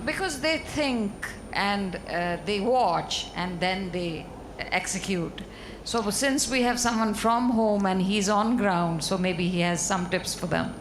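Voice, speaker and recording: A woman's voice: mid-range voice, slow pace. A woman from Singapore, a journalist, asking a polite, earnest question at a conference. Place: conference hall. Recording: echoey hall, faint noise.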